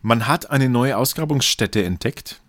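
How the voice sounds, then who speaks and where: On a beer podcast he co-hosts, a man with a Franconian accent chats loosely, laughing easily, rambling and often correcting himself. His medium-pitched, fairly bright voice is expressive and measured in pace, recorded without echo.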